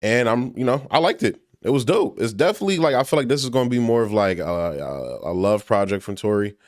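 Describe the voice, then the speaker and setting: A man's voice: mid-range voice, expressive, fairly quick, dry recording, studio quality. A man reacting to and reviewing music in a casual, slangy way, full of fillers. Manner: laid-back and slangy, heavy with fillers.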